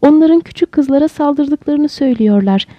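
A woman's voice: high-pitched, expressive, normal speed, mellow, no room sound. A woman voicing a timid, fearful young servant girl who speaks anxiously and cautiously. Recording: dull lo-fi dry recording.

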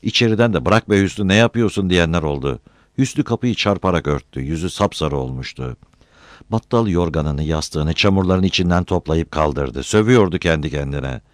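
A man reading a novel aloud as an audiobook narrator, with an expressive storytelling delivery. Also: rumbling low, normal speed, no echo. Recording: dry close recording.

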